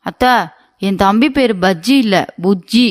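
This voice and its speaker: A woman voicing a demanding young wife in an animated story, complaining and pleading with her husband. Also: fairly high pitch, a little fast, close to an everyday voice.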